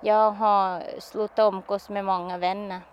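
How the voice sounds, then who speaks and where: A woman tells her own story to an interviewer in an unhurried, personal way. Her sentences are simple and halting, full of restarts as she gropes for words. Her voice sits in an ordinary middle register for a woman. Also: mid-range voice, level tone, a little hiss or hum.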